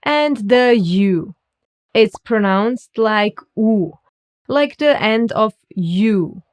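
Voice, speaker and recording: A woman's voice: medium pitch, animated. A woman narrating a scripted beginner language lesson, carefully demonstrating how words are pronounced. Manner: slow, careful pronunciation demonstrations. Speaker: language teacher.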